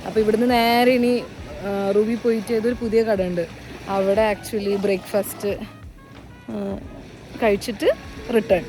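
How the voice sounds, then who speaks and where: A woman's voice: medium pitch, fairly even intonation, moderate pace, long pauses, music in the background. A Malayali woman vlogging casually outdoors, mixing English words into her Malayalam. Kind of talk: casual vlog narration. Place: outdoors at a beach campsite. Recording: noisy outdoor ambience.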